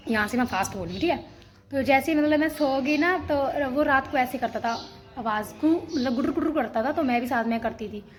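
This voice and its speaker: Young woman, from Himachal Pradesh, rambling casual vlog storytelling, slightly high voice, faint music underneath. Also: fairly quick. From Himachal Pradesh, India. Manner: rambling, chatty, many restarts and fillers. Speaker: vlogger.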